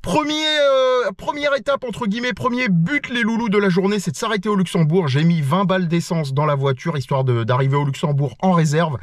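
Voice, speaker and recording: A man's voice: high voice, fairly quick, few pauses, dry recording, studio quality. A man from France talking casually to his camera while driving on a road trip, playful and chatty, with a stuffy nose. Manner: chatty, playful, keeps calling viewers "les loulous". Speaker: travel vlogger. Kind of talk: casual vlog talk to camera. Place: inside a car on a road trip. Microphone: action camera mounted in the car.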